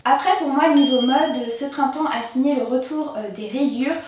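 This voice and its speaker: A woman's voice: high voice, moderate pace, noisy background. A young adult woman vlogger chatting casually through her monthly favourites, with frequent fillers and restarts. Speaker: beauty vlogger. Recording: very echoey room, mic set far off.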